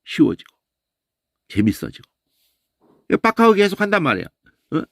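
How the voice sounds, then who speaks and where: Male Bible teacher, lively lecturing voice with a gravelly edge, dry close sound. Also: fairly high pitch, moderate pace, dry recording. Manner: animated, keeps asking "eh?" and mimics voices and sounds.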